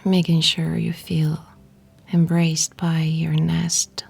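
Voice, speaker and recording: Guiding a yoga nidra meditation, a woman speaks in short phrases separated by pauses, her low voice breathy, whispery, husky and a little mellow. The delivery is soothing, unhurried and completely flat.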